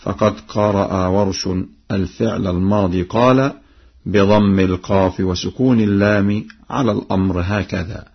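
A man teaching the readings of the Quran, explaining each variant plainly and then chanting the verse slowly to demonstrate it. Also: on the low side, fairly even intonation, slightly rough, lo-fi sound. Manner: alternates plain explanation with slow chanted recitation.

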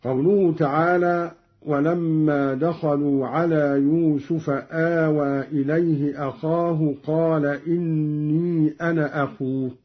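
Man teaching recitation, slow deliberate delivery, chants the verses, muffled lo-fi audio. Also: fairly high pitch, steady tone. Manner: measured explanation alternating with slow chanted recitation. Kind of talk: recitation lesson, explaining and chanting readings.

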